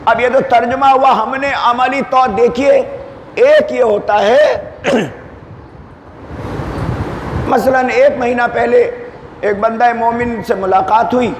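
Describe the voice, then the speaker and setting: A male cleric delivering a Muharram sermon, asking the crowd rhetorical questions and shouting key points for emphasis. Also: very high-pitched, steady tone, long pauses, slight background noise. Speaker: maulana giving a majlis. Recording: echoey hall with faint ambience.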